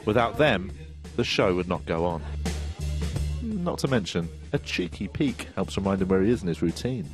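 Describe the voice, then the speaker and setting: A man's voice: deep voice, lively intonation, moderate pace, over music. Wry male reporter narrating. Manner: wry, self-mocking. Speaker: technology reporter. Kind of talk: scripted narration.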